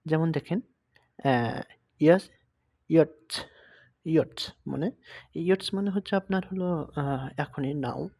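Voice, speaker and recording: A young man with a husky, slightly breathy voice that sits a little high teaches letters step by step. He speaks Bengali as his first language and repeats each example word slowly and patiently. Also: darkish tone. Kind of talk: explaining at a blackboard.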